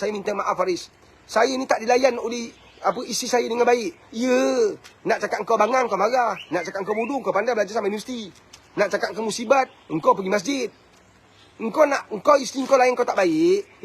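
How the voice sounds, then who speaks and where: A man in his fifties with a Malaysian Malay accent, speaking in a rather high, husky voice. He lectures bluntly and preachily, scolding his listeners and firing rhetorical questions at them again and again. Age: 50s. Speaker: motivational speaker and family coach. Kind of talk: preachy talk to camera.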